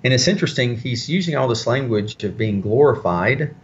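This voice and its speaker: A man teaching a Bible study in a conversational way, explaining passages with frequent pauses and fillers. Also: medium pitch, animated, highs cut off.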